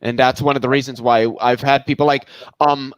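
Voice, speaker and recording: A man in a casual online panel chat, talking quickly and emphatically with frequent swearing. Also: mid-range voice, level tone, clear, resonant tone, no echo, lo-fi sound. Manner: rapid, profane, emphatic. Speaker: debate panelist.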